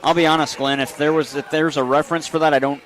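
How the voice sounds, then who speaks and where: A man giving brisk basketball play-by-play commentary in short bursts, calling each play as it happens. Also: on the high side, little pitch movement, fairly bright tone, slight background noise. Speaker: play-by-play announcer.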